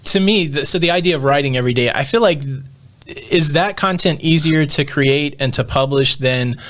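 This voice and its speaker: A podcast host with a slightly high, fairly bright voice and a moderate pace conducts a conversational interview. His questions are long, thoughtful and rambling, filled with fillers.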